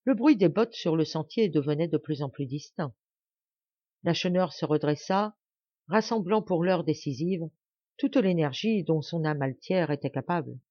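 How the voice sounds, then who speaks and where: A woman's voice: low voice, normal speed, breathy edge, dry recording, lo-fi sound. Woman reading a novel aloud, dry sound. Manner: expressive reading, raising voice for quoted speech. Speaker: audiobook reader. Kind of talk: scripted narration of a classic novel.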